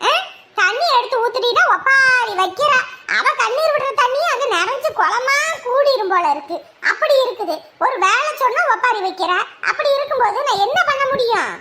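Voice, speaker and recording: A shrill, bright-voiced old mother-in-law from an animated family drama. She nags and scolds in a very high, cutting voice. Faint background noise sits under the track. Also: fairly quick, exaggerated voice. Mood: scolding. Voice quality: nagging, scolding, then pleading. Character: sharp-tongued old mother-in-law, later destitute.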